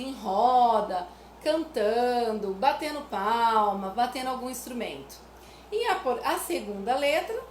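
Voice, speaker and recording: A woman from Brazil, explaining music activities for children to parents in a chatty way, often adding "né?". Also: high-pitched. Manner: chatty, repeats "né?" often, sings nursery rhymes as examples. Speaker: music educator. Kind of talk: casual teaching talk to parents. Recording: echoey room with faint noise.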